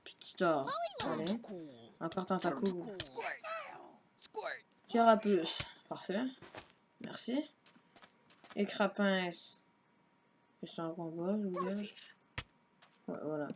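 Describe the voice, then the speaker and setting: A woman's voice: lowish voice, slow, pauses often. A woman giving casual, offhand commentary while playing a game, muttering her moves to herself. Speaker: let's play gamer. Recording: dull lo-fi home mic with faint noise.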